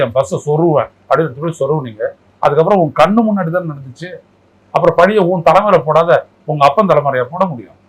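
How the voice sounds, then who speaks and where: A political commentator speaks in a heated interview, his voice sitting a little high for a man. He is combative and scolding, throwing one rhetorical question after another and mocking the person he is talking about. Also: rough recording.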